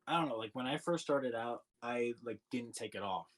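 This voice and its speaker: A man's voice: medium pitch, normal speed. A man in his twenties from California, chatting casually as a podcast guest, laughing often and full of fillers. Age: 20s. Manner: laid-back, laughing often, lots of fillers. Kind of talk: casual chat.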